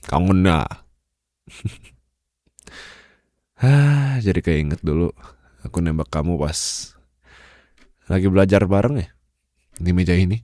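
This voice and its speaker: A young man speaking softly and intimately in a whispered role-play as a boyfriend, laughing often, close to the mic. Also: low-pitched, expressive, takes it slowly, long pauses, no echo. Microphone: close condenser mic.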